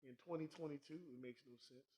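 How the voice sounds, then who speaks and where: A man co-hosting a podcast in casual chat, blunt, profane and animated. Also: fairly high pitch, fast. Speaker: podcast co-host.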